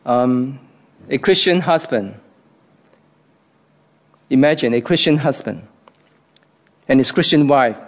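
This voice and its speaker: A man's voice: medium pitch, expressive, slow pace, long pauses. A man from Hong Kong with a Hong Kong accent, giving an earnest, reflective devotional talk.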